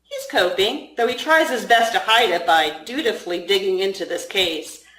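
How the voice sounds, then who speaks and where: A woman's voice: mid-range voice, normal speed, fairly bright tone, roomy sound, lightly acted. A woman reading the lines of a playful, teasing young FBI agent in an audiobook.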